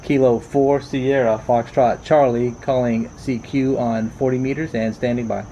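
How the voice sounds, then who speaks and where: A man's voice: medium pitch, steady tone, background noise. Man calling CQ on ham radio. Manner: slow, drawn-out call signs. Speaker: amateur radio operator. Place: screened-in porch.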